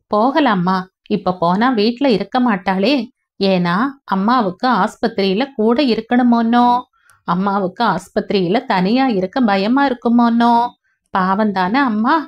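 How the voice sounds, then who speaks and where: A woman voicing a young aunt who soothes a small child with soft, coaxing baby talk. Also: mid-range voice, measured pace, lo-fi sound, close to an everyday voice.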